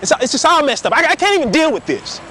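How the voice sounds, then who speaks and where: A man's voice: very high-pitched, very animated, fast talker, bright, forceful tone, a little hiss or hum, voice pushed up, exaggerated voice. A man voicing a negative man who complains about everything on a trip. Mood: whiny. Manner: whiny complaining.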